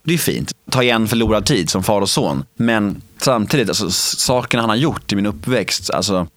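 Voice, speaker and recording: A man in his late twenties, speaking candidly in an interview, halting with many fillers and restarts. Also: fairly low pitch, lively intonation, fairly bright tone, dry recording.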